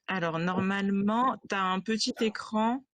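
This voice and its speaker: A woman's voice: medium pitch, a little slow, fairly bright tone. A woman hosting a webinar over a video call, friendly and a bit flustered as she introduces the speakers. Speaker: webinar moderator.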